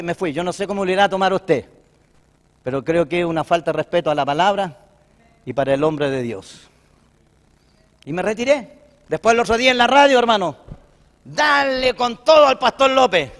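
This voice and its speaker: A man's voice: on the high side, long reverb tail. A middle-aged man with a Chilean Spanish accent, preaching a sermon as a pastor in a folksy, conversational way and often calling listeners brother.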